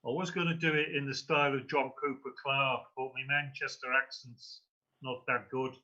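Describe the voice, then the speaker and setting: A man's voice: medium pitch, flat delivery, normal speed, pushed and bright, muffled recording. A man from Slough, a poet chatting wryly and then reciting a rhymed poem at an open mic, heard over a video call. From Slough, England. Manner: wry, self-deprecating, punchy rhyming delivery. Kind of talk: casual chat and rhymed poetry recitation.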